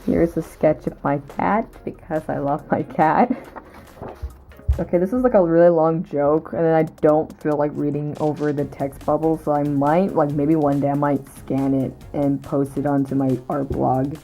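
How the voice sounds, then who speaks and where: A woman's voice: low voice, steady tone, normal speed, warm tone, faint music behind. A young woman casually talking through her old sketchbook, rambling and giggling at herself in a self-mocking way. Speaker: artist showing old sketchbook. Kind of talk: casual vlog narration.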